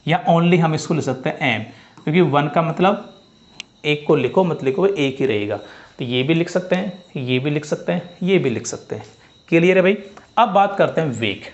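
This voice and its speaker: A man, whose voice sits somewhat high, teaches physics in a classroom-style lesson. He says the steps over and over and checks that the students follow. The recording is dull and lo-fi. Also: lively intonation, normal speed. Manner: repeats steps, asks students if they understood.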